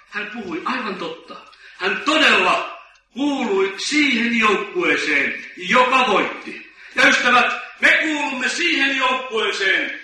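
A man preaching a sermon, slow and emphatic, telling stories with dramatic weight. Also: very high voice, bright, forceful tone. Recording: echoey hall from far off.

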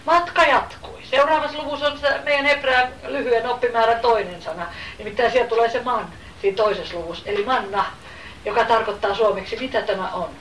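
A woman preacher giving an emphatic sermon, swinging between loud exclamations and hushed asides. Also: a little high. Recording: roomy hall, voice from far off, faint noise.

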